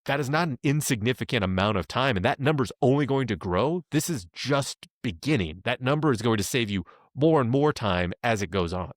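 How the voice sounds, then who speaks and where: A man's voice: mid-range voice, a little fast, hardly any pauses, dry recording, clean studio sound. A man co-hosting a casual business podcast, talking loosely and acting out quotes as he goes. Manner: rambling, animated, acts out quotes. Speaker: podcast co-host.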